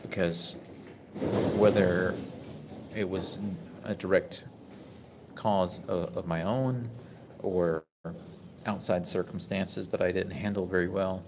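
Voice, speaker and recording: A man in his forties talking casually on a live stream from a hospital room, reflective and halting with many restarts. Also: sits low, fairly even intonation, background noise. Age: 40s. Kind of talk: casual live-stream talk reading chat.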